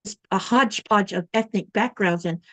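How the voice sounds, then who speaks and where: Speaking at a moderate pace, this woman has a mid-range, fairly bright voice. Originally from Florida, she is co-hosting a casual sewing stream over video from home in Greenland, making conversation and reading out comments from viewers.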